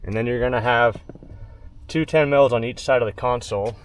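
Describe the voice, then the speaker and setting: In and around a pickup truck, the host of a DIY truck install video walks through the job step by step in a brisk, medium-pitched voice. He's casual and hands-on, plain-spoken and matter-of-fact, with steady background noise throughout.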